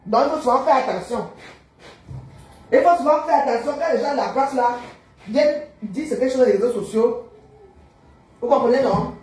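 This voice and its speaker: A woman's voice: high-pitched, moderate pace, pauses often, darkish tone. A woman with a Cameroonian French accent, ranting on a live stream and scolding viewers who comment, in a combative, mocking way. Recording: roomy echo.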